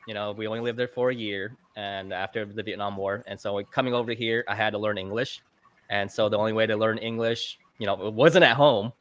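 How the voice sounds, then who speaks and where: On a livestream interview, a fish channel videographer discusses his filming work casually, throwing in lots of fillers and self-deprecating humor. His voice sits on the low side with a fairly bright tone and comes through a video call mic.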